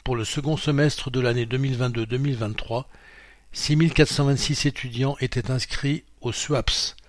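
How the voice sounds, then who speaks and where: Male reader, mid pitch, plain dry studio sound; reads articles aloud, calls out pages and quote marks. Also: moderate pace, no echo. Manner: reads out quote marks and page numbers, steady informative delivery. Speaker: magazine reader. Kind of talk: read-aloud narration of a printed magazine.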